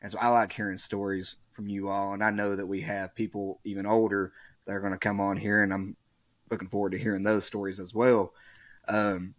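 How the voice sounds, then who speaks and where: A low-pitched man hosts a casual podcast interview, talking in a friendly, rambling way with plenty of fillers. His voice stays flat in tone, and the recording is dry and close with no room sound. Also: fairly quick, no echo. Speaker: podcast host.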